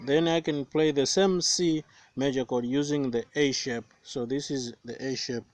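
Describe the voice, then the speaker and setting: A young Tanzanian guitar teacher, a native Swahili speaker, gives a slow, careful guitar tutorial outdoors beside banana plants, with many pauses and fillers. His voice is mid-range with fairly even intonation, and faint guitar playing can be heard behind him.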